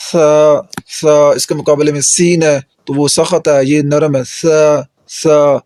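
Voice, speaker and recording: A man's voice: on the high side, darkish tone, dry recording, clean studio sound. A man teaching Quran pronunciation, patiently drawing out and repeating each letter for his students to practise. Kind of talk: tajweed lesson.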